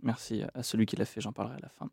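A man's voice: on the low side, steady tone, rapid-fire, vocal fry, a little mellow, husky, no room sound, studio quality. A man hosting a casual film podcast, sharing trivia in a chatty way with plenty of hesitations. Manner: chatty, many fillers, relishes film trivia. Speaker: podcast host.

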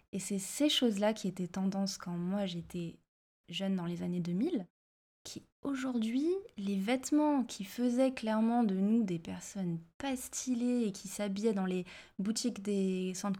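A woman interview guest talking casually, animated and full of hesitations. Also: mid-range voice. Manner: animated, many fillers.

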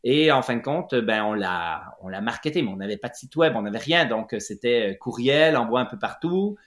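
A middle-aged man with a Quebec French accent tells his story as an interview guest. His voice sits at a mid pitch, and he hesitates often, restarting phrases and filling pauses. The room around him sounds roomy and echoey. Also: expressive, fairly bright tone. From Quebec, Lac-Saint-Jean. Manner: hesitant, many fillers and restarts. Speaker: guest, running clinic founder.

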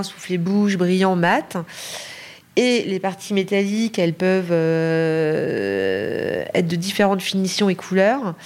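A middle-aged woman from Paris, a designer answering podcast interview questions with many fillers and restarts. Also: medium pitch. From Paris, France. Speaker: lighting designer, guest.

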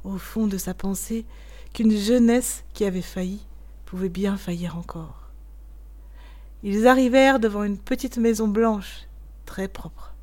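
A woman narrating a classic tale in a measured, expressive storytelling voice. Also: medium pitch. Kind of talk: audiobook reading of a classic tale.

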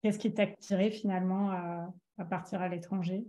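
A woman's voice: lowish voice, steady tone, a little fast, warm tone. A woman co-hosting a podcast interview, asking questions in a casual, informal way. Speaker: podcast co-host.

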